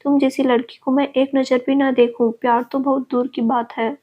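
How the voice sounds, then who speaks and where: Lady reading a cold angry young guy, high flat voice, scornful, muffled audio. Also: normal speed, slightly rough. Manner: harsh, scornful and accusing. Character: furious young man, bitter, cold, contemptuous. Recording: dull lo-fi recording.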